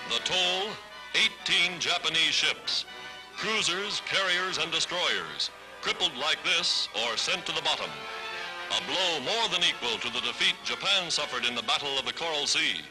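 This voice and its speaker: A man's voice: a little high, lively intonation, moderate pace, music in the background, poor audio. A man giving dramatic, declamatory 1940s wartime newsreel narration.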